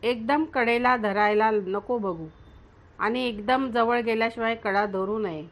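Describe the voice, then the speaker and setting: A woman's voice: on the high side, a little slow. A woman voicing an encouraging young man who teaches a boy to swim in a storybook reading, coaxing and instructive.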